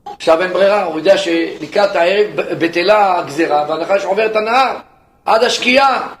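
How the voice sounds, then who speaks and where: A man, a rabbi, preaching a sermon and telling a story with lively narration, speaking directly to his listeners. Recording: echoey room, faint rumble.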